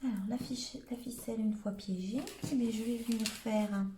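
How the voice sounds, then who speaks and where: Demonstrating a craft live, a woman from Hauts-de-France in northern France chats in her regional accent and narrates each step, using "hop" and "voilà" a lot. Her fairly high, dark-toned voice stays steady at a moderate pace. A roomy echo and slight hiss or hum are audible.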